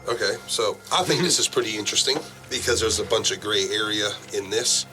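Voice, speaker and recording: A man's voice: lowish voice, brisk, pushed and bright, soft background music, rough recording. A man co-hosting a casual show, reading news aloud in a laid-back way and tripping over words. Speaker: podcast co-host reading news. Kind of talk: casual chat.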